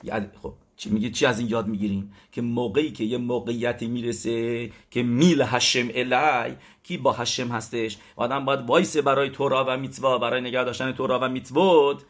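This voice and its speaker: A man giving a weekly Torah talk. He retells stories, stops to correct himself and search for words, and breaks into loud, emphatic bursts. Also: medium pitch, fairly even intonation, few pauses. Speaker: religious teacher.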